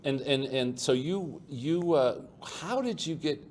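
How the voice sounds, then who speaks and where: A middle-aged man hosts a podcast interview at a conference venue, speaking slowly with a slightly high, darkish voice and lively intonation. He's chatty and repetitive, often tacking "okay?" onto the end of sentences. Faint conference noise sits in the background.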